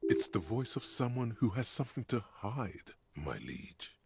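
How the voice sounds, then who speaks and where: An actor voicing the brooding inner narrator of a detective game, deep and husky, in a grave, confiding manner. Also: male voice, very animated, a little slow, no room sound, heavily acted. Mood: ominous.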